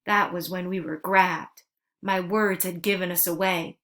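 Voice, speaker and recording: Woman narrator for a storybook read-aloud, steady and earnest in her delivery. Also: on the low side, a little slow.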